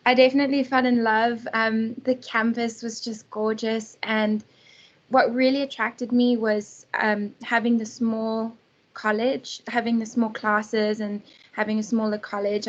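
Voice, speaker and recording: A young woman, a student on an online panel talking conversationally. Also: a little high. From South Africa. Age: young adult. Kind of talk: casual panel answer. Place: video call. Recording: slightly dull call audio.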